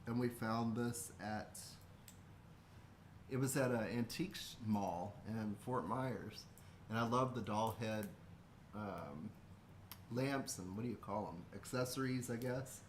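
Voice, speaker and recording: A man's voice: lowish voice, unhurried. An American man co-hosting a casual livestream, speaking hesitantly and repeating himself. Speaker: co-host. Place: indoor room. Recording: roomy echo, faint background noise.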